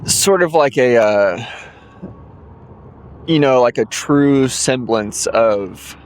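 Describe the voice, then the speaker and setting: A man's voice: medium pitch, animated, slow, a little hiss or hum. A man, hosting his own podcast alone. He rambles loosely with plenty of ums and yawns now and then. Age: 20s. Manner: rambling, full of fillers, yawning. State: drowsy, yawning. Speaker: podcast host. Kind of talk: casual solo podcast monologue.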